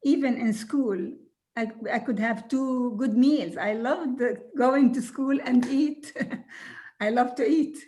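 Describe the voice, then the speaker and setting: An older woman from Jordan, a native Arabic speaker, telling her life story slowly and earnestly, with soft laughs now and then. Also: sits high. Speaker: guest speaker. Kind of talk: recorded video conversation.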